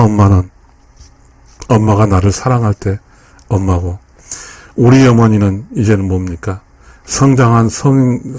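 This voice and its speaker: A man with a fairly low voice talks through the meaning of song lyrics like a lecture, repeating key words again and again with feeling. He politely addresses his viewers. The sound is dry and close. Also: darkish tone, no echo. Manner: emotional, repeats phrases over and over. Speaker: YouTube channel host analyzing song lyrics. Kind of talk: lecture-style commentary on lyrics.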